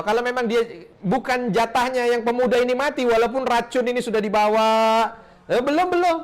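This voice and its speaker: A male preacher giving a storytelling sermon, animated and full of rhetorical questions. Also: on the high side.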